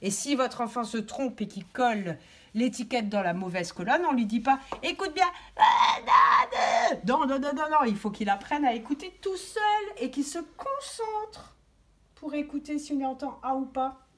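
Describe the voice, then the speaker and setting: Lively sing-song teacher woman. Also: sits high. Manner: slow, sing-song word stress for children; clear instructive tone, addressing children and parents. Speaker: kindergarten teacher. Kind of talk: video lesson for young children.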